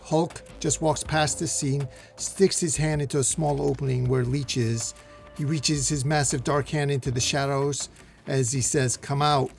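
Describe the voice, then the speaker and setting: A man's voice: medium pitch, fairly even intonation, a little slow, vocal fry, darkish tone. A man narrating a comic book recap in a dramatic, scripted way, talking to viewers as "guys.". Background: faint music.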